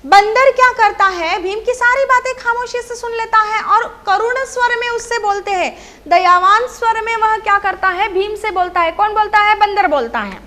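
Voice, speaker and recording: Female teacher, very high voice, bright tone, retells a story for a class with rhetorical questions. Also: moderate pace. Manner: repeats and asks rhetorical questions. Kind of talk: explaining a story lesson to children.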